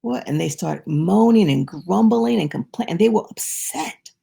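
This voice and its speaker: A woman giving an inspirational devotional talk, retelling a parable in a lively storytelling way, with frequent restarts and personal asides. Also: lowish voice, moderate pace, creaky, husky. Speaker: inspirational speaker.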